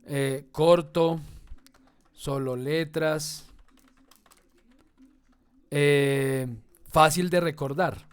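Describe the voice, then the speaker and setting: A man teaching a class. His voice sits a little higher than most men's, and he talks in a patient, explanatory way. He often checks in with his students as he goes. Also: steady tone, extremely slow, pauses often, smooth. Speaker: instructor. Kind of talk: online class lecture.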